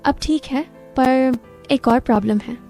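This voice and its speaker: Woman reading a shy young male patient, hesitant and bashful, mellow tone. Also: high voice, unhurried, creaky, soft background music.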